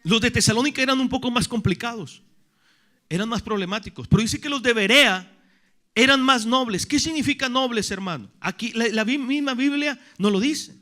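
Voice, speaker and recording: A male pastor delivering a sermon in a high, bright voice. He asks rhetorical questions, addresses listeners as brother, and alternates between loud emphatic stretches and low, quiet ones. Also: moderate pace.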